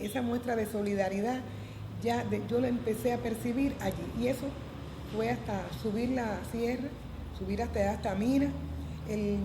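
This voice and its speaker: Cuban woman in her 70s, interview testimony; measured, hesitant, roomy echo and background hiss. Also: on the high side. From Cuba. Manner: measured recollection with frequent hesitant "eh" fillers. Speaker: interviewee, former volunteer teacher.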